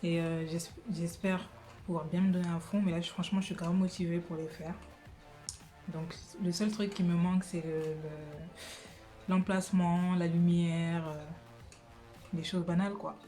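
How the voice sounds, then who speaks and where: A young woman chatting casually in her living room during a wig try-on vlog, hesitant and full of fillers and restarts. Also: on the low side. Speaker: beauty vlogger.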